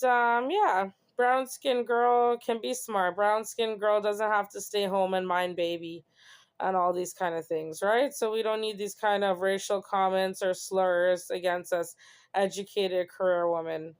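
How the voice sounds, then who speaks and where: A woman's voice: mid-range voice, steady tone, unhurried, clear, resonant tone. A young woman from Canada, hosting her own show in an earnest, rambling personal monologue. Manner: earnest, reflective, rambling with many "you know"s. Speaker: host.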